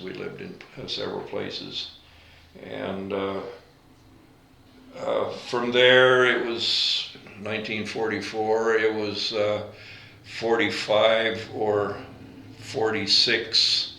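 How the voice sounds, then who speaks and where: A man in his eighties, born in Latvia, recalling his life in an oral history interview, unhurried and halting with fillers and self-corrections. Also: lowish voice, gravelly, bright, forceful tone, echoey room, poor audio. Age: 80s. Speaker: veteran interviewee.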